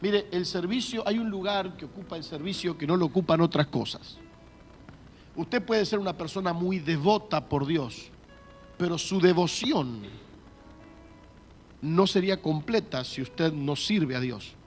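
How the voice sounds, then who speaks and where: A man's voice: a little high, unhurried, faint music behind. A male pastor preaching a sermon emphatically, repeating key words and having the congregation say them back. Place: church.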